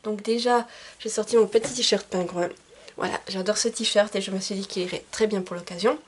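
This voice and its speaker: A woman's voice: mid-range voice, fairly even intonation, fairly quick, slight background noise. A woman book vlogger chatting casually to camera about book recommendations, with many fillers and restarts. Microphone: camcorder.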